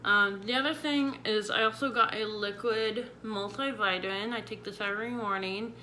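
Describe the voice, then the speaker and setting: This woman talks to her viewers at a moderate pace in a medium-pitched, pushed and bright voice with fairly even intonation. She is one week into jaw surgery recovery and offers tips in a chatty vlog, with clear background noise behind her.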